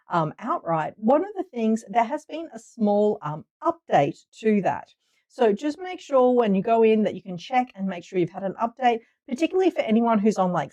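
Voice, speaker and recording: A woman with a medium-pitched, darkish voice hosts a casual livestream, greeting viewers. Though she's getting over a cold, she stays chatty and upbeat, reading viewer names aloud.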